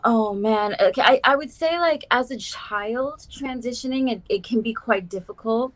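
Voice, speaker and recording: A woman's voice: a little high, moderate pace. A young adult woman from South Africa chatting casually as a guest, with lots of "like" and "um". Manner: chatty, warm fillers, many "like" and "um". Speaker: guest musician. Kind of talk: casual interview chat.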